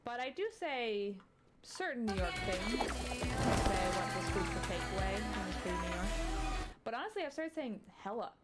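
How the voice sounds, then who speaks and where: Woman host, casual let's-play rambler, middle pitch, game music in the mix. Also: sing-song, moderate pace. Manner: rambling, chatty asides while playing; sudden startled yelps. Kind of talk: casual gaming chat.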